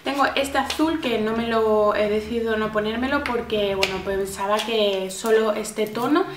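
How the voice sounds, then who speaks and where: Chatty woman vlogger in an echoey room. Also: mid-range voice. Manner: chatty, many restarts and fillers, addresses viewers as girls. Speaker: beauty vlogger. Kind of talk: casual makeup review.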